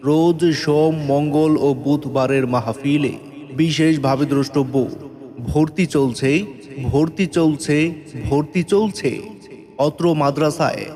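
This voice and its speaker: A man making a formal event announcement over a loudspeaker, in a drawn-out proclaiming cadence. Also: a little high. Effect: announcement over a loudspeaker with long reverb. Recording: long hall-like reverb.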